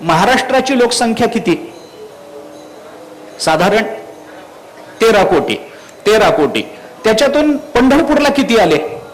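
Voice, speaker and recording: A man's voice: high voice, big pitch swings, a little slow, long pauses, low-quality recording. A man from Marathwada with a Marathwada Marathi accent, preaching a devotional kirtan, quoting Sanskrit verses and firing rhetorical questions at the crowd. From Marathwada, India.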